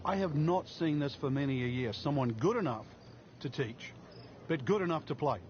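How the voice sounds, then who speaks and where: A man working as a golf commentator, giving measured, explanatory analysis of the play. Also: fairly high pitch, animated. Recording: dull lo-fi game audio, faint noise.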